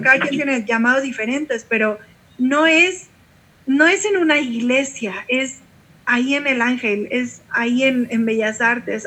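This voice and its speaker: Bright, high-voiced Mexican woman. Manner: animated, vivid retelling with quoted dialogue. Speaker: pastor and singer, guest. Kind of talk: conversational storytelling interview.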